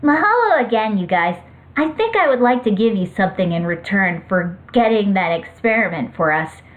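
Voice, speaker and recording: A woman voicing a cheerful, grateful young girl in a raised, bright voice. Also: medium pitch, animated, moderate pace, phone-quality sound, natural voice. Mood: thankful.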